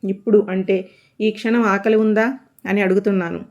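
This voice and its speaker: Woman doing a grumpy doctor guy, snappy and sarcastic, loud, storybook style. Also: mid-range voice, fairly even intonation, fast talker, close to an everyday voice. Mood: insistent. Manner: brusque, scolding, sarcastic. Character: impatient scornful male hospital doctor.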